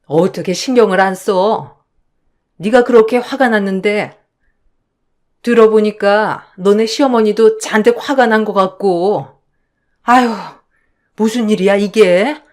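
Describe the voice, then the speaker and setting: A woman's voice: mid-range voice, unhurried, pauses often, a little mellow, close to an everyday voice. A woman doing a fretting older mother. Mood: fretful. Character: worried older mother, gentle and anxious.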